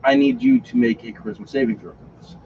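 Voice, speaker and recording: A man's voice: mid-range voice, quick pace, gravelly. A man running a tabletop game as game master, narrating scenes with dramatic pacing. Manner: lively, dramatic narration with laughter. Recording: dull lo-fi recording with background noise.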